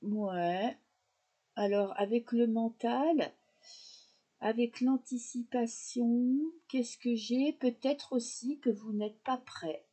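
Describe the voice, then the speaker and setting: A woman's voice: a little high, takes it slowly, warm tone, slightly rough. A woman doing a casual tarot reading, talking straight to her viewers in a chatty way with frequent fillers. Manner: chatty, addresses viewers directly, many fillers. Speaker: tarot reader.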